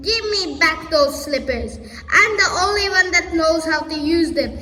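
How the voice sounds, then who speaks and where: A young woman in a school play voicing a spiteful, furious wicked witch who talks in a shrill, accusing way. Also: a little slow, bright, forceful tone, exaggerated voice. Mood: greedy angry. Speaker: school skit actor. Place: school stage. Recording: echoey hall from far off.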